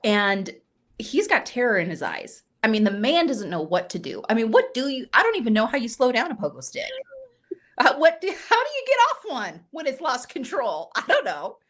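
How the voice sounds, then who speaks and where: A woman's voice: on the high side, normal speed. A woman in her forties, a humor writer, telling comic stories and acting out the voices of the people in them. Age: 40s. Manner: lively comic storyteller acting out quoted voices. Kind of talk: animated storytelling.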